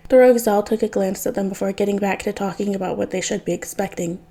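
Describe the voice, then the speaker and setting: Woman podfic reader, warm mellow narration. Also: mid-range voice, steady tone, fast talker. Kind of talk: fan fiction audiobook narration.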